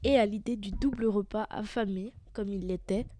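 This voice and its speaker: A woman narrates a fairy tale with an expressive, animated storybook delivery. Her tone is mellow and warm, and the sound is dry and close. She reads at an even, middle pitch. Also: moderate pace, no echo.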